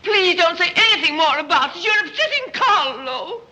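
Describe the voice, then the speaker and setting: A woman's voice: very high-pitched, big pitch swings, normal speed, sharp tone, full character voice. An actress playing a scatterbrained, fussing middle-aged society mother in 1930s screwball comedy banter, flighty and chattering. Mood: indignant. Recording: noisy 1930s film soundtrack.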